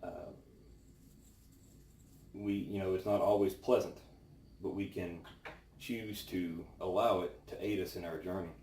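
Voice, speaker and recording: A man giving an informal devotional, reading scripture and reflecting on it in a pensive, halting way with long pauses. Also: low-pitched, fairly even intonation, a little mellow. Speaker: devotional host. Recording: roomy, distant mic with faint noise.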